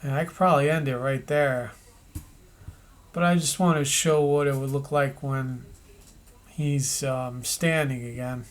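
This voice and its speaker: A man narrating an animation tutorial, thinking aloud as he works, with pauses and restarts. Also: mid-range voice, fairly even intonation.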